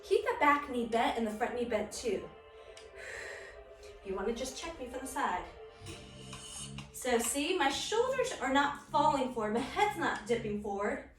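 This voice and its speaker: A woman's voice: high voice, animated, measured pace, long pauses. A woman teaching an exercise class as an aerobics instructor, calling short encouraging commands and counted cues while exerting herself. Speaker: aerobics and core fitness instructor. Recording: roomy echo, distant mic, music underneath. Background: music.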